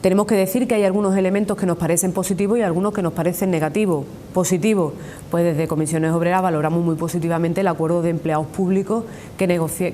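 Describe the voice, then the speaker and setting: A woman with an Andalusian accent giving earnest, long-winded answers in a formal political interview as a union representative, repeating points for emphasis. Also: warm tone. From Andalusia, Spain. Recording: noisy with low rumble.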